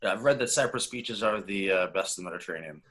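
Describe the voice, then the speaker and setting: A man hosting a casual interview, eager and halting, with lots of fillers as he asks questions. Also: sits low, bright, forceful tone. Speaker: interviewer, host.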